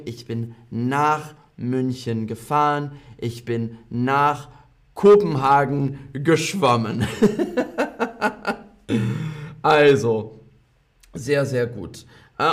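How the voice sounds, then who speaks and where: A man with a mid-pitched voice gives a live German lesson at a very slow, deliberate pace. He says each sentence several times and stops to answer his learners' comments. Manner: repeats phrases slowly and clearly, reads out viewer comments. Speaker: German teacher.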